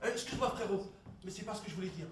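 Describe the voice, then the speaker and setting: Animated high-voiced man in an echoey room. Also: racing, background noise. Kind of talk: comedy sketch dialogue. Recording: echoey room, distant mic.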